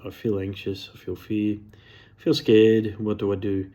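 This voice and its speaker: A man's voice: lowish voice, flat delivery, moderate pace, warm tone. A man reading a first-person personal story in a self-critical, sardonic, profane way.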